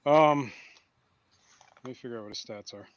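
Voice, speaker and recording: A man's voice: medium pitch, moderate pace, no room sound, lo-fi sound. A man running a tabletop game online as game master, loose and a bit distracted.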